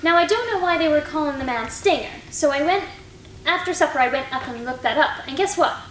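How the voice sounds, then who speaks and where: A high-pitched, guileless little schoolgirl played by a woman rattles on through her class report in a staged reading. The sound is distant and roomy, with faint noise. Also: lively intonation, a little fast. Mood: chatty, guileless.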